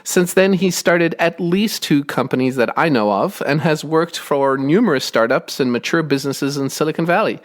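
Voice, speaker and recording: A podcast host with a fairly high voice conducts a conversational interview, asking friendly, curious questions and chuckling often. He speaks at a moderate pace with hardly any pauses.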